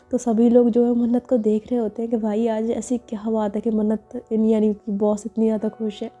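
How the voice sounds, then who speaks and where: Mellow-voiced woman telling a story. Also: on the high side, highs cut off. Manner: chatty, conversational asides. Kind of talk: casual spoken story narration.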